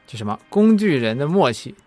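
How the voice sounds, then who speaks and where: A man's voice: a little high, very animated, fairly quick, dark tone, no echo, faint music behind. A man giving casual live commentary as he streams a game.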